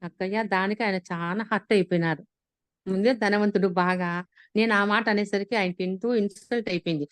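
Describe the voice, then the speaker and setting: A woman, casually retelling a personal story on a video call, animated and full of restarts. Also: mid-range voice, fairly quick, no room sound. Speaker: class participant sharing an experience.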